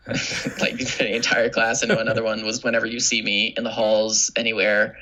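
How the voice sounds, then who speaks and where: A man's voice: fairly low pitch, little pitch movement, normal speed, pushed and bright, highs cut off. A young man telling a rambling school story in casual chat and laughing as he talks. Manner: rambling storyteller who laughs through his stories.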